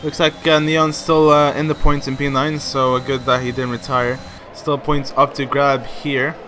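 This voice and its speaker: A man commentating a sim racing league race, excitable and full of fillers. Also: mid-range voice, a little slow, noisy background.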